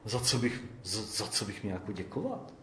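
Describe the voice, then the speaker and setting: A man preaching a conversational sermon, often checking in with his listeners with a quick "jo?". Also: on the low side, sing-song, bright, forceful tone, echoey room.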